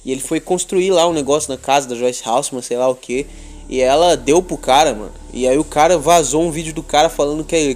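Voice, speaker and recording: Slangy Brazilian man with raised pitch. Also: a little mellow. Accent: Brazilian Portuguese. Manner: crude slangy rambling, frequent laughs. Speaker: podcast host. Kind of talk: casual chat monologue.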